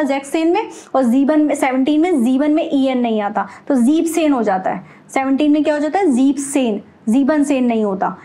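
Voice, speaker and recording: A woman from India, her high, light voice carrying a darkish tone, gives a language lesson for beginners. She poses questions to the learner and answers them herself, with English words slipped into her explanations.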